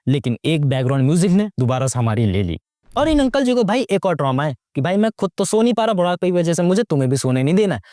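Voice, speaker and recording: Mocking and slangy, this young YouTube movie reviewer mixes English into his Hindi and keeps firing off rhetorical questions in his casual, sarcastic commentary. His voice sits a little high with a darkish tone. There's no echo, and the audio is studio quality.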